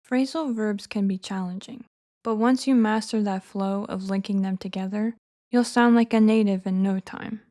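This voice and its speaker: A woman walks learners through an English lesson in a clear, measured voice. Her scripted delivery stays steady and encouraging, and her pitch sits in an ordinary middle range. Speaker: English teacher.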